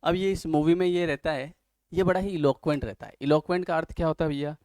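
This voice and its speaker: A man teaching an English vocabulary class, teasing his students and reading definitions out slowly. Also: a little high, steady tone, a little mellow, no room sound. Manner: joking, teasing students between word lists. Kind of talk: online class lecture.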